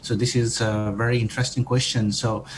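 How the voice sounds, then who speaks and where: A man's voice: medium pitch, little pitch movement, a little fast, slight background noise, low-quality recording. A man from Nepal, a doctoral student, answering podcast interview questions in a hesitant way with many fillers and restarts.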